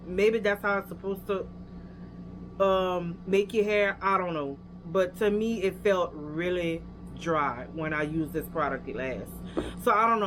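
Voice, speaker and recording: The recording is rough, with a little hiss or hum, as a young woman with a Louisiana accent chats to her viewers about hair products. Her medium-pitched voice is a bit bright, and her casual review is packed with fillers.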